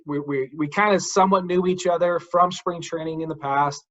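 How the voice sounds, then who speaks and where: A man in his forties chats as an interview host, eager and full of stories. His voice sits a little high. The audio is dull and lo-fi. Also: fairly even intonation, moderate pace, a bit bright. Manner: enthusiastic, storytelling, says dude a lot. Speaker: podcast host, mental coach. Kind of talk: casual interview chat.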